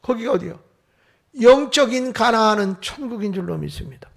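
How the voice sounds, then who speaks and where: High, gravelly man preaching with fervor. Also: expressive, normal speed. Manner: swings from emphatic raised calls to hushed whispers; rhetorical questions to the congregation. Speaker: senior pastor. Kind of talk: Sunday sermon. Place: church service.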